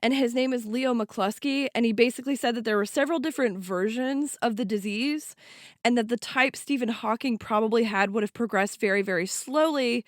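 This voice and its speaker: A woman's voice: on the high side, brisk, dry recording, studio quality. A woman co-hosting a podcast, explaining science in a casual, chatty way with some swearing. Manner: casual, swears, laughs often. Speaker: podcast co-host.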